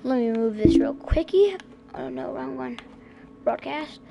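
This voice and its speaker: A woman streaming a survival game, chatting casually to herself with excitable reactions and mild cursing. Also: sits high, unhurried, creaky, a crowd in the background. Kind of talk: casual gameplay commentary.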